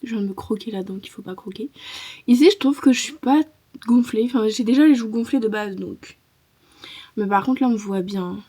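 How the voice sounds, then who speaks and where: A woman's voice: fairly high pitch, normal speed, mellow. A woman chatting casually to camera in slangy, informal speech, her mouth sore and swollen after wisdom teeth removal, complaining lightly. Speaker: vlogger.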